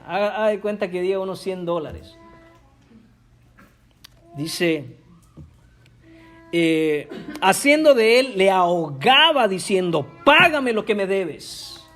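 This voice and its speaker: A man's voice: high-pitched, fairly bright tone. A male pastor preaching a sermon in a church, emphatic and speaking directly to the congregation. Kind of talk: Spanish-language sermon.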